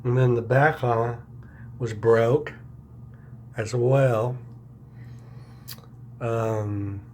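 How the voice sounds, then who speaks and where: A man talking casually in an unscripted video diary, halting and searching for words, his speech affected by new dentures and a swollen mouth. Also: medium pitch, fairly even intonation, a little mellow, slight background noise. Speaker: vlogger sharing dental recovery diary.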